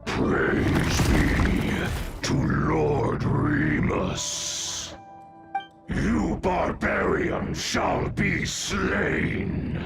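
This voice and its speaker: A man voicing a huge, fanatical ancient stone golem guardian that chants slowly in a booming, gravelly voice. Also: huge pitch swings, music in the background, full character voice. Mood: menacing. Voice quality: gravelly, rumbling. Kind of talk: video game voice acting.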